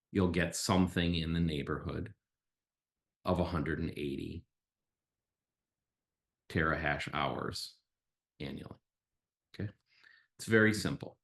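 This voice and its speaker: A man hosting a podcast, delivering an opinionated monologue and explaining his points emphatically, step by step. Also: low-pitched. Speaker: podcast host. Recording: roomy, echoey sound.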